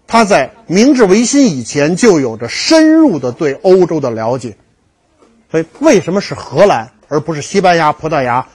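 Jokey, husky-voiced lecturer. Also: male voice, a little high, darkish tone. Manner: storytelling, jokey, acts out dialogues. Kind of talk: animated history lecture to a live class.

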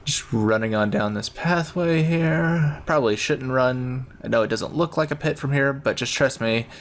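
A man's voice: mid-range voice, moderate pace. A man giving casual gameplay commentary, thinking aloud in a rambling way. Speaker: gamer narrating his own play.

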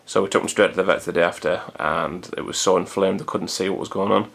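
Husky and gravelly yet fairly bright, this vlogger's low voice keeps a steady tone as he talks fast. He chats in a rambling, casual way to his camcorder at home, recorded through its built-in mic in a hot room.

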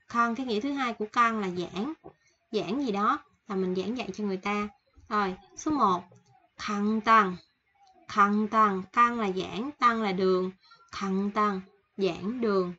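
A woman with a cold teaching Korean vocabulary in a casual online lesson, slowly repeating and explaining each word from a list. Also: medium pitch, bright, forceful tone, husky, highs cut off. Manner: slow repetitive explaining, reading word lists. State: has a cold.

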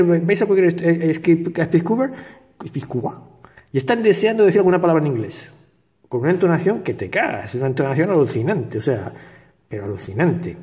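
A man's voice: a little high, a little mellow, long reverb tail. A man with a Spain Spanish accent hosting a puzzle cube tutorial, talking casually and sardonically, chuckling often and rambling with restarts.

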